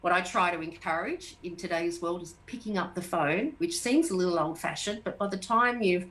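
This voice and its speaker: A middle-aged Australian woman speaking in a somewhat low voice. She answers interview questions in a calm, explanatory way, working through her points one by one with frequent "um"s. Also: poor audio. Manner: measured, explanatory, lists points with fillers. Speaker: HR manager, interview guest.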